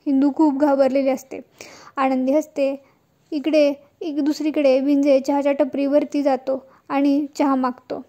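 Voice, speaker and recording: A woman retelling a TV serial episode, reading every part herself in a steady storytelling way. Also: high voice, unhurried. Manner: steady storytelling pace, reads all parts herself. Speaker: serial recap narrator.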